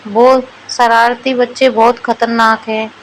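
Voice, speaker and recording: A woman's voice: on the high side, flat delivery, slow, slight background noise, low-quality recording. A woman voicing a lazy, gluttonous fat man who grumbles and scolds his servant in a storybook. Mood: grumbling.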